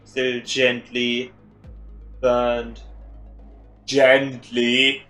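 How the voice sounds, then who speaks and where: A man's voice: mid-range voice, monotone, very slow, a bit bright, reverberant, soft background music. A man reading as a grave older brother. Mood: solemn.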